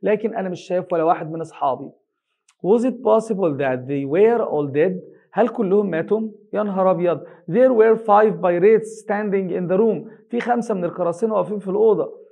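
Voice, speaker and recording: An English teacher with an Egyptian Arabic accent, who reads a story slowly in English and translates each line quickly into colloquial Arabic. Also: male voice, high-pitched, vocal fry, warm tone. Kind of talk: reading an English reader aloud line by line and translating it.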